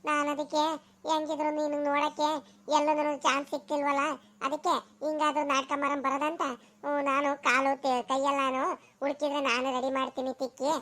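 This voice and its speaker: A woman's voice: sits high, pushed and bright. A woman voicing a young village woman in a cartoon, scolding her sweetheart with dramatic sighs. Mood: worried. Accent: Karnataka rural Kannada. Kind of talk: cartoon voice acting.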